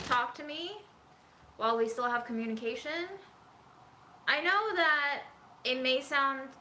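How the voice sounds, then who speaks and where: With a medium-pitched voice that comes across as pushed and bright, a cooking vlogger born in China speaks frankly and earnestly from her home kitchen in a casual video. Faint noise and echo fill the room.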